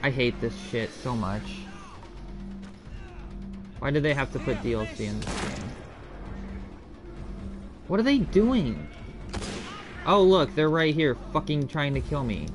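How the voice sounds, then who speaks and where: A man's voice: medium pitch, lively intonation, moderate pace, pauses often. Swearing, fed-up male game streamer. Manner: frustrated, swearing, exclaiming. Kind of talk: live gameplay commentary. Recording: game music playing behind.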